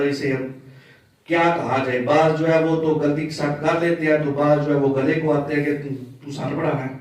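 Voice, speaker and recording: Guy teaching how to recite the prayer, bit high voice, drags out the chanted bits, very echoey and far from the mic. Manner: drawn-out chanted demonstrations of phrases; repeats and corrects pronunciation patiently. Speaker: religious teacher. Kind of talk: recitation lesson.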